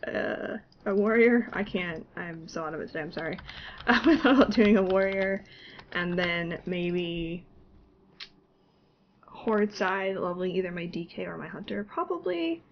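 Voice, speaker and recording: Gravelly and on the low side, a woman's congested voice moves at normal speed through dull audio with slight hiss or hum. She has a cold and does casual gameplay commentary as a YouTuber, chatty, laughing, and self-deprecating, using a desktop mic and no webcam.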